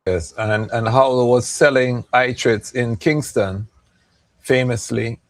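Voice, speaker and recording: A man's voice: medium pitch, slow, no room sound. Man with a dry, close sound. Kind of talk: live talk show discussion.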